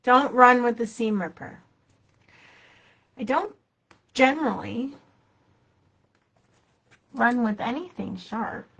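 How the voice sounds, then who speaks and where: A woman's voice: on the high side, slow pace, creaky, pauses often, a bit bright, slightly rough, low-quality recording. A woman hosting a live sewing demonstration, chatting casually to herself and viewers as she works. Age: adult with a child. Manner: chatty, talks to herself while working. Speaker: quilting shop host.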